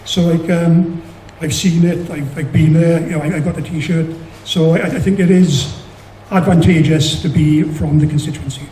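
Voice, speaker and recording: A man's voice: a little high, fairly even intonation, normal speed. A man from South Wales with a Valleys accent, answering hesitantly at a public hustings, often repeating words. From Merthyr Tydfil, Wales. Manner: hesitant, stammered repetitions. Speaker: election candidate. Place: indoor public meeting hall. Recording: echoey, distant mic, faint noise.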